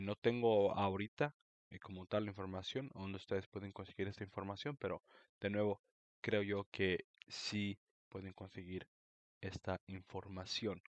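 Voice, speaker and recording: In a low voice with no room sound, this Florida man of Mexican roots chats easily and without hurry about a history book, peppering his speech with little fillers.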